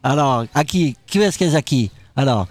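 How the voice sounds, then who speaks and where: A man's voice: medium pitch, animated, normal speed, dry recording. A man hosting a live radio interview, jovial and chatty, dropping Occitan phrases into his French. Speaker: radio host.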